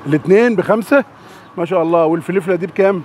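A man's voice: sits high, racing, darkish tone. A man with an Egyptian Arabic accent chatting casually as he tours a produce market, repeating prices back to viewers. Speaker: vlogger touring a produce market. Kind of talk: casual on-location chat and price commentary. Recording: muffled outdoor market recording, street noise.

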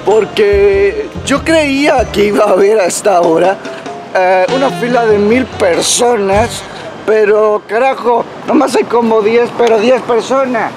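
Brief: young man, hoarse and high-pitched, crude playful vlogger on a handheld camera, music under him. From Colombia. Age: young adult. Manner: playful, crude, exaggerated outbursts. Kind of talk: joking handheld vlog. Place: outdoors in a city street. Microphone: handheld camera at arm's length.

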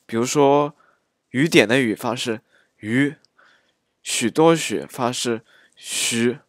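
A man teaching dialect pronunciation, speaking slowly with frequent pauses and filler sounds. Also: mid-range voice, no room sound, studio quality. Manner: slow, halting, many filler sounds. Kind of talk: pronunciation lesson.

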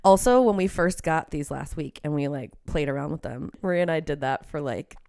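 A woman's voice: sits low, animated, brisk, gravelly, mellow, smooth, no room sound. A young woman co-hosting a podcast in casual chat, giggly and chatty, saying "like" a lot, on a close studio mic. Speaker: podcast co-host. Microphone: new studio microphone, close.

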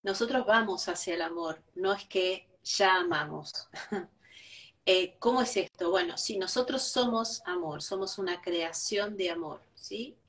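Slow, measured woman, distant mic. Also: fairly low pitch, fairly bright tone. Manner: measured, adds questioning tags after each point. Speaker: interview guest. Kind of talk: reflective spiritual talk.

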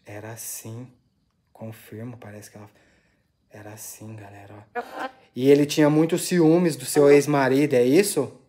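A man hosting a ghost-hunting vlog from inside an abandoned house, asking questions aloud and dropping into hushed, awed murmurs between them. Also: medium pitch, moderate pace. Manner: anxious, awed. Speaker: paranormal investigator host.

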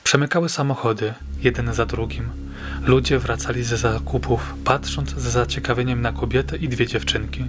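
A man narrating a short horror story as an audiobook reader, in a measured, suspenseful storytelling manner. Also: mid-range voice, steady tone. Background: faint background music.

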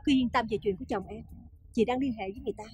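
An actress in a Vietnamese TV drama, shrieking for help in panic in some scenes and talking calmly in others. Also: female voice, on the high side, very fast, husky. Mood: reassuring.

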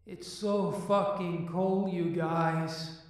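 A man's voice: high voice, flat delivery, extremely slow, heavy reverb. A man putting on a faint voice from down a well. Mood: eerie. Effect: distant voice from far down a well. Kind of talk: storytelling narration.

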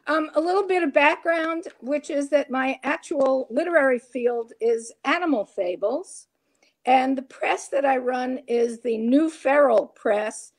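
High, gravelly woman reading her poetry. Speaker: poet and professor.

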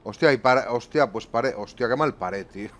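A gaming YouTuber at home commentates live as he drives a bus in a game, swearing often and grumbling to viewers. His mid-range voice is a little fast and fairly bright, and he sounds exasperated.

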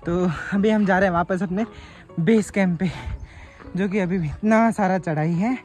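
A young man narrates his trek in a chatty, upbeat way, teasing his friends as he goes. His voice sits high, and he talks into a handheld camera out on a mountain path. Music plays clearly behind him. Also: normal speed, a little mellow. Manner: chatty, upbeat, playful banter. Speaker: travel vlogger. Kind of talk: casual travel vlog narration. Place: outdoors on a mountain trail.

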